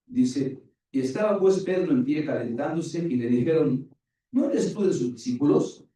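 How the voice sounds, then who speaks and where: Preacher in an echoey church hall. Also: male voice, a little high, normal speed, recorded from a distance. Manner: retells scripture in lively acted-out dialogue. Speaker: pastor. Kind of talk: sermon.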